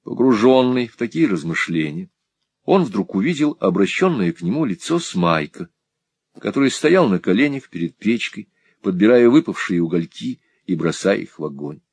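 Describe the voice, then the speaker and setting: Male audiobook narrator, low, husky, dry close recording. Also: a little mellow, no room sound.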